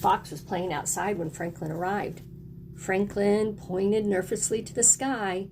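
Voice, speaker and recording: A woman with a mid-pitched voice gives a lesson to young children, encouraging them, asking frequent questions and getting them to repeat after her. Her intonation is fairly even and her pace measured, with noticeable noise behind her.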